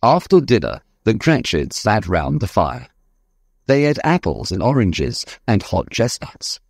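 Expressive male storybook narrator. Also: lowish voice, a little slow, no echo, studio quality. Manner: clear, expressive reading. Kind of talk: graded reader narration.

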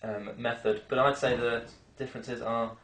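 A man's voice: mid-range voice, fairly even intonation, moderate pace, fairly bright tone, lightly acted. A young man playing a breezy, self-satisfied consultant doctor in a news spoof. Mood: breezy, smug. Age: young adult. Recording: echoey room, distant mic.

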